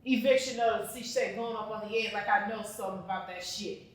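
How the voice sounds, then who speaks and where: A woman's voice: mid-range voice, steady tone, a little fast, natural voice. A young woman acting a monologue as a defiant mother facing eviction, talking bluntly and profanely and flaring into outrage. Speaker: student actor. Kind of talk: dramatic monologue. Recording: very echoey room, mic far off.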